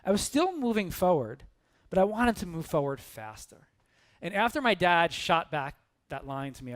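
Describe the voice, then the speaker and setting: Guy giving a motivational talk onstage, high voice that swoops up and down a lot, dramatic storyteller acting stuff out. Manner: animated, dramatic, acts out scenes. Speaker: keynote speaker. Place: stage before an audience.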